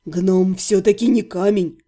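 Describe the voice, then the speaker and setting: A woman voicing a quiet, patient older male healer in an audiobook, speaking softly and calmly. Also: medium pitch, unhurried, voice pushed down, lightly acted. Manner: quiet, patient, near-whisper. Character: calm older male healer, soft-spoken.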